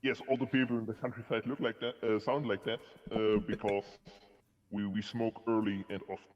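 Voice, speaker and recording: A man being interviewed on a live stream, speaking through a voice changer in a halting, hesitant way with dry jokes. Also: on the low side, flat delivery, long reverb tail, lo-fi sound. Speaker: guest musician.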